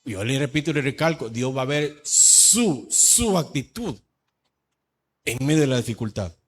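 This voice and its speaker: A middle-aged male pastor from El Salvador, preaching a lively sermon that swings from shouts to low asides. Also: quick pace. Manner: animated preaching, shifts from shouts to low asides, says "hermano" often.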